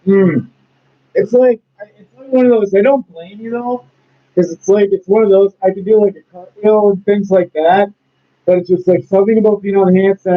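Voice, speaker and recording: A man hosting a casual interview, rambling encouragingly with lots of fillers. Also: high-pitched. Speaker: host. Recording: dull lo-fi audio.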